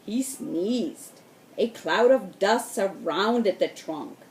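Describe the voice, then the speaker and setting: A woman reading a children's storybook aloud in a slow, expressive way. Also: mid-range voice, roomy sound. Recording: voice distant from the mic.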